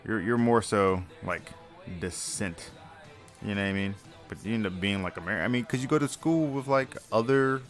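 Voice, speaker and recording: A tired man hosting a live stream, chatting casually and rambling with lots of fillers and restarts while he builds a model kit. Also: fairly low pitch.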